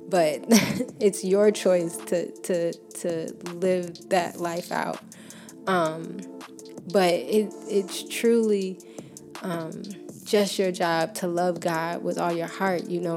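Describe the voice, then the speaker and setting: A young woman giving a casual, heartfelt faith talk, speaking informally and often saying "like" and "you know.". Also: lowish voice. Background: background music.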